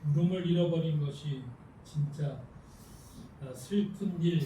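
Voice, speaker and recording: A man, a pastor, giving a Sunday sermon in a calm, measured way and softly reading a passage aloud. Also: on the high side, slight background noise. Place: church sanctuary. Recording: echoey hall, mic from a distance, faint ambience.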